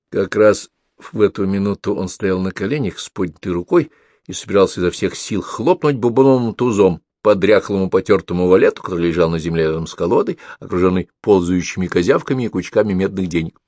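A man reading an audiobook as narrator, expressive and storytelling. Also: low voice, dry recording. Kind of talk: scripted narration.

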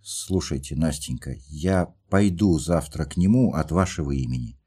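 A deep, dark, husky male voice belongs to the reader, who performs an earnest, agitated young dreamer in love. Speaking at normal speed in an urging mood, he erupts in fervent, pleading outbursts.

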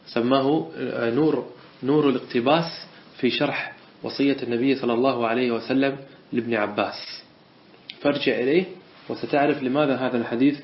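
A sheikh giving a religious lesson, reading a text aloud and then explaining it with an even, hesitant delivery. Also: male voice, mid-range voice. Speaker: sheikh teaching a hadith collection. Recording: dull lo-fi recording with faint hiss.

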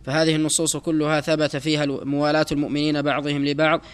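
A man reads a classical text aloud to his teacher at a fast clip. His delivery stays flat and even, with small slips he corrects as he goes. The voice is clear and smooth. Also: a little high. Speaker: student reading the text aloud.

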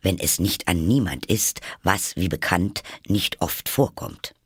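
A man's voice: low voice, measured pace, husky, no room sound, clean studio sound, exaggerated voice. A man voicing a fussy, pompous storybook king who blusters and then mutters hastily. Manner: blustering, drops to a hasty mutter.

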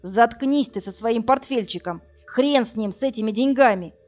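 Дерзкий громила-спаситель, которого читает женщина. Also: female voice, fairly high pitch, a little mellow, close to an everyday voice. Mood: brusque. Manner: brusque, mocking, hurried. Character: burly male rescuer, cocky and brusque. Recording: dull lo-fi audio, faint music.

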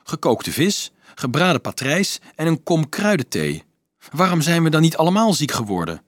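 A man's voice: a little high, big pitch swings, moderate pace, no echo, studio quality, voice pushed up. A man voicing an indignant young nobleman's son who asks urgent questions in an audiobook.

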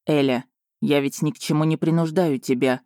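A woman reading the part of a calm, commanding dragon-born duke who speaks softly and coaxingly. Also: low voice, normal speed, no echo, studio quality, natural voice. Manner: soft, restrained, coaxing.

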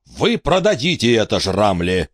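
A male narrator voicing a pompous, bombastic middle-aged man who blusters loudly and theatrically. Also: fairly low pitch, very animated, a little slow, dry recording, clean studio sound. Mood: gleeful.

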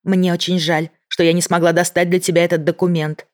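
For an audiobook, a reader voices a tense female federal agent negotiating with a bomber, keeping her voice steady in a controlled, pleading, restrained way. The voice is mid-range and natural, with little pitch movement and a slightly fast pace.

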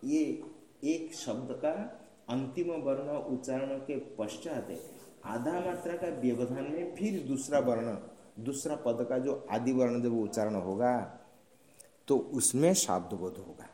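A man's voice: mid-range voice, dark tone. A man teaching a class, explaining patiently and often checking whether his listeners follow. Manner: slow, patient explaining with frequent checking questions. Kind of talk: classroom lecture on Sanskrit grammar. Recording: roomy echoing room sound.

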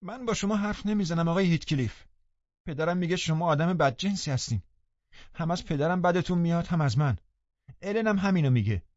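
A man voicing a lively teenage girl in an audiobook, speaking in a high girlish manner. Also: dry recording, close to an everyday voice. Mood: defiant. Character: lively teenage girl, playful then anxious. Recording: dull studio audiobook recording.

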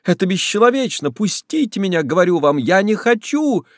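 A man's voice: a little high, expressive, normal speed, no room sound, clean studio sound, voice pushed up, lightly acted. A man voicing a frightened young woman who protests urgently and indignantly in an audiobook. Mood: desperate.

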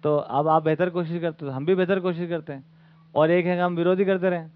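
Man leading a study session, chatty lecturing tone, rhetorical asides, slightly raised pitch, narrow phone-like sound. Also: steady tone, brisk. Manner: conversational, asks the audience rhetorical questions. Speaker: teacher leading a study camp. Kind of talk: informal lecture to an audience. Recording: phone-like lo-fi recording.

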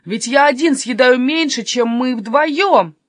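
A woman's voice: sits high, takes it slowly, no echo, voice pushed up. A woman voicing a stubborn, grumbling male robber in a read-aloud storybook. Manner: grumbling, indignant.

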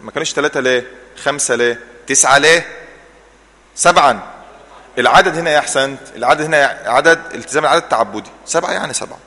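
Quick, bright Egyptian teacher in a hall. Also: male voice, fairly high pitch. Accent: Egyptian Arabic. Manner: asks the class leading questions and answers them himself; repeats key words slowly to drill them. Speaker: religious teacher. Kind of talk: classroom Islamic jurisprudence lesson.

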